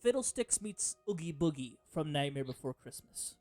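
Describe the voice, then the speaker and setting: A man's voice: a little high, big pitch swings, normal speed, a little mellow. A man narrating as game master of a tabletop game, rambling with many fillers and self-corrections.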